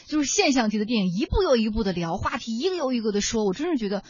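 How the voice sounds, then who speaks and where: A woman's voice: a little high, sing-song, very fast, a little mellow, slightly rough, no echo. A woman hosting a studio film talk show, leading the talk and putting questions to guests. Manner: leads the talk, asks questions. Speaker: host. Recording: dull lo-fi broadcast sound.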